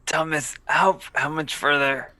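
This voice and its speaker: A man's voice: on the high side, steady tone, measured pace, pushed and bright. A man playing a tabletop game, matter-of-fact and dry in his remarks. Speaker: player. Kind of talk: casual tabletop play.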